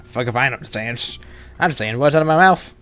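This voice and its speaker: A man from England streams a video game, chattering to himself in an English accent with playful, rambling commentary and giggles. His medium-pitched voice is expressive, quick and fairly bright, though the audio sounds dull.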